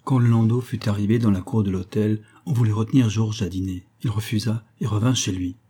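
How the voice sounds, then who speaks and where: Un homme lit un roman classique en livre audio, sur un ton posé et expressif. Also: male voice, on the low side, breathy edge. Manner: measured, expressive literary reading. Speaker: narrator. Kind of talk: audiobook reading of a classic novel.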